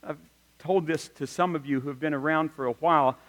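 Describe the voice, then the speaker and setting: A middle-aged man preaching a sermon as pastor, telling stories with humorous asides and lively emphasis. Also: fairly high pitch, brisk. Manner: animated storytelling with humorous asides. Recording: long reverb of a large hall.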